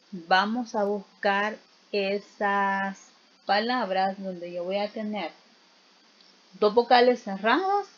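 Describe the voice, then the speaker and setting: Slow, patient woman teacher. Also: medium pitch, dull audio. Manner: slow, patient explaining with frequent check-in questions. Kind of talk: spelling lesson.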